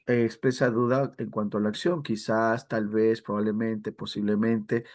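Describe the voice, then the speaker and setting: Male teacher, exam review lesson, explanatory, quick tag questions, talks to students by name, mid pitch. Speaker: language teacher.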